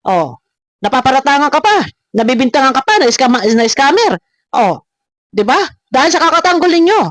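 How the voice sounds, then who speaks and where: A woman with a high voice that swings widely in pitch speaks at a normal speed, with no room sound. Hosting a reaction video, she rants straight at her critics, confrontational and full of repeated words and rhetorical questions.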